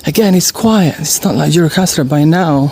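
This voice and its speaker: A man's voice: on the high side, normal speed, vocal fry, a little mellow. A man from Albania with an Albanian accent gives casual walking tour commentary as a travel vlogger outdoors. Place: outdoors in town streets. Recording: noisy outdoor street, traffic ambience. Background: street ambience, vehicles.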